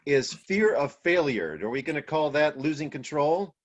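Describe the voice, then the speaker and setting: A man hosting a game show over a video call, reading questions in a quick, playful way. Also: on the high side, animated. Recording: dull lo-fi video call audio.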